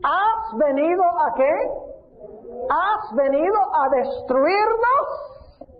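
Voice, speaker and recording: A man voicing an unclean male spirit who cries out slowly in a high, strained voice. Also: expressive, heavily acted. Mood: crying out. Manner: drawn-out, crying out. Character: shrieking male unclean spirit, frightened and hostile. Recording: tinny phone-like sound.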